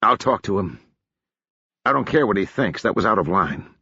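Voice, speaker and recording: An earnest, plain-spoken army officer, as a male narrator puts him on, in a husky, slightly raised voice. The delivery moves lively in pitch. The audiobook sound is dry and a bit dull. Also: normal speed, no echo, heavily acted.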